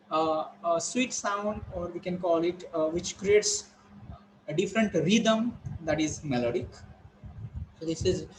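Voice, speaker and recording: A man, teaching an online college class and explaining slowly with many fillers and repetitions. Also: a little high, slight background noise, rough recording.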